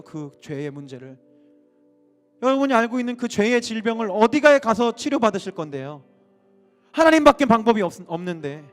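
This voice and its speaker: A male pastor preaching an impassioned sermon full of rhetorical questions. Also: very high voice.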